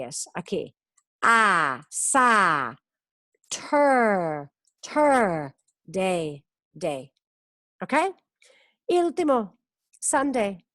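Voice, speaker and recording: A woman leads an English class over a video call, speaking at a very slow, deliberate pace. She stretches each vowel and keeps checking in with her students. Her voice sits at a middle pitch in a dry, close recording with no room sound. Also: dry recording. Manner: slow, drawn-out pronunciation drills with frequent "ok?" checks. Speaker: English teacher. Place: community centre in Barcelona.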